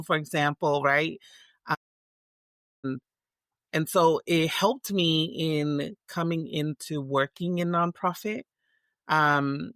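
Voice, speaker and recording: A woman's voice: deep voice, fairly bright tone, dry recording, clean studio sound. A middle-aged woman from Tonga, a guest in a casual interview, talking reflectively with many restarts and fillers.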